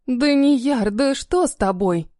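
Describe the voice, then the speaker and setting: A woman's voice: high-pitched, lively intonation, takes it slowly, mellow, no echo, clean studio sound. A woman voicing a frightened young wife who pleads in a trembling voice. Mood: pleading.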